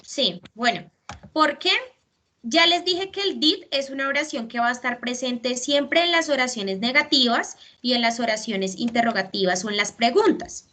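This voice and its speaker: Bright-voiced woman teacher explaining patiently. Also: fairly high pitch, animated, normal speed. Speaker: English teacher. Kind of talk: online class explaining grammar.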